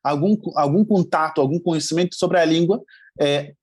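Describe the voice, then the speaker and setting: A man with a somewhat high voice speaks as a podcast guest and teacher. He explains step by step, pausing on fillers and checking that he is understood. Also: a little mellow. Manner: explanatory, frequent "sabe?" and hesitations. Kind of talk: casual interview chat.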